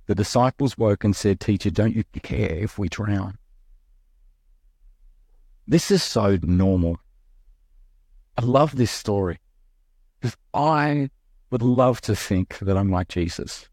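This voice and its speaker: A young male pastor delivers a sermon with energy, talking fast and acting out quotes as he goes. His voice sits in a middle range. The sound is dry and close. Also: mid-range voice, no echo. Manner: animated, quick preaching with restarts and acted-out quotes.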